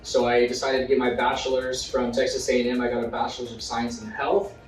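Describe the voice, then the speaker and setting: A man speaks earnestly about his work as a physiotherapy instructor, now and then pausing on an "um". He sounds set back from the mic in an echoey room, with faint music underneath. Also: mid-range voice, level tone, distant mic. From Zimbabwe. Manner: earnest, with filler words. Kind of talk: casual interview talk.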